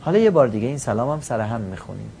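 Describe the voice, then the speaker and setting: A man teaching pronunciation, chanting each example slowly and giving short, quiet prompts to repeat. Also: medium pitch, very animated, creaky, slight background noise. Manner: slow drawn-out chanting of the examples. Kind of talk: pronunciation lesson.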